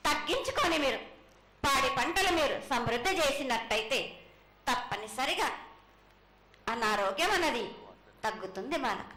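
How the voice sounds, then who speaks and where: High, bright woman's prophetic trance voice. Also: lively intonation. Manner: halting, repetitive, declamatory prophetic trance voice, addressing listeners as children. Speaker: oracle delivering a festival prophecy as the goddess. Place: live temple ceremony with ambient noise behind. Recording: echoey, faintly noisy live ceremony sound.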